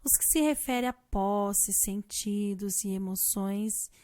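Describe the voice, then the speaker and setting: A woman's voice: mid-range voice, slow, a little mellow, no echo. A woman teacher with a Brazilian Portuguese accent, patiently explaining an English grammar lesson and spelling letters out one by one.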